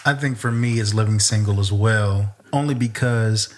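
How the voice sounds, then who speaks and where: A man co-hosting a podcast, chatting in an easygoing, relaxed way with slang. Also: fairly low pitch, normal speed, a little hiss or hum. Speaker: podcast co-host. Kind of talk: casual chat.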